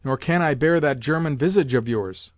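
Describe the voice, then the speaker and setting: An older man reads a novel aloud for an audiobook, voicing an imperious old grandmother who bluntly scolds, gives orders and hurls insults. His mid-range, natural voice moves at normal speed in a studio-quality recording with no echo.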